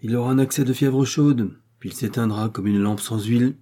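Man doing a calm village doctor, deliberate, mellow and husky. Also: mid-range voice, close to an everyday voice. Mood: grave.

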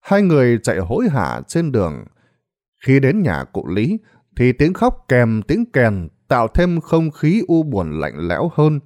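A man narrates a ghost story with dramatic delivery. His pitch swings widely across lines. His voice sits in a middle register. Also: wildly swooping pitch, measured pace, darkish tone. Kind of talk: scripted narration.

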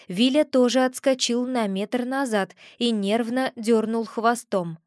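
Woman reading a lively audiobook. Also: a little high, unhurried, no echo, studio quality. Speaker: audiobook narrator. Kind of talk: first-person audiobook narration.

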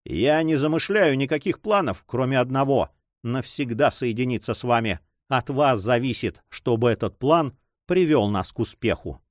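A man's voice: medium pitch, lively intonation, normal speed, no echo, clean studio sound, close to an everyday voice. A man voicing a secretive young man in love in his own voice, earnest, reassuring and insistent.

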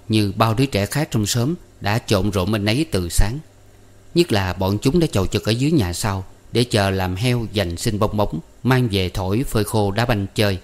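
A man narrating a story in a calm, even way. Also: on the low side. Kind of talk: audiobook narration.

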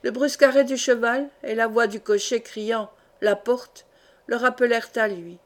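Woman narrating a classic novel, fairly high voice. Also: steady tone, moderate pace. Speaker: audiobook reader. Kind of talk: literary audiobook narration.

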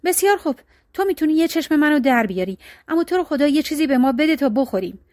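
A woman's voice: high-pitched, sing-song, a little mellow, no room sound, clean studio sound. A woman voicing a poor, desperate man who begs his brother for flour. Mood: pleading. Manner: pleading.

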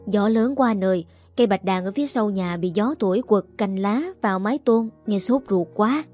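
Worried young wife from the south, fretful and urgent, mellow voice, read by a woman narrator. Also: medium pitch, moderate pace, faint music behind, close to an everyday voice. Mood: anxious. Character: anxious young village wife and mother.

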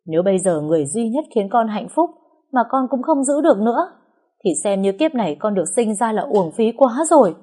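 A woman's voice: fairly high pitch, big pitch swings, fairly quick, warm tone, pitched above the performer's own voice. A woman voicing a young woman who pleads tearfully and stands up to her father. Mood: defiant. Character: young woman, desperate and defiant lover.

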